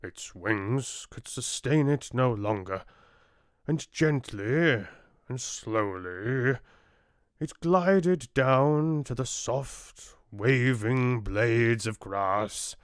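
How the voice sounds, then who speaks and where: A man voices an ancient tree-giant narrating a fairy tale audiobook, solemn and gentle in a deliberate, measured manner. His pitch is medium, and the studio recording is clean with no echo.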